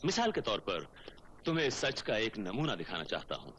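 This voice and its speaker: An actor playing a cynical middle-aged senior lawyer who lectures slowly and slyly, in 1980s film drama dialogue. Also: male voice, fairly low pitch, big pitch swings, a bit bright, lo-fi sound, a little hiss or hum. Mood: lecturing. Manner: lecturing, sly, drawn-out delivery. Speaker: senior lawyer heading a law office.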